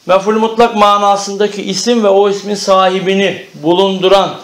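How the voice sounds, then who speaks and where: A man's voice: high voice, fairly even intonation, normal speed. A man teaching an Arabic grammar lesson, explaining step by step and often checking that the class understands.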